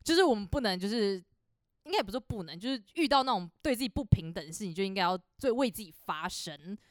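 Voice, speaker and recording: Fast, animated young woman. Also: medium pitch, no echo, clean studio sound. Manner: animated, heated storytelling. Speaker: podcast co-host. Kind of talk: casual chat.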